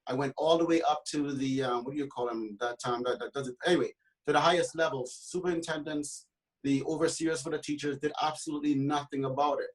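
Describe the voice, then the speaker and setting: A man's voice: fairly high pitch, steady tone, fast talker, rough recording. A man from Trinidad and Tobago who works as a realtor, speaking passionately on a panel discussion with many fillers and restarts.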